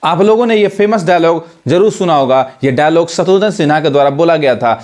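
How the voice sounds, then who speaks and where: A man's voice: fairly high pitch, brisk, darkish tone. A man teaching English pronunciation, explaining each point with repetition and rhetorical questions. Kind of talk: Hindi-language lesson explaining English pronunciation.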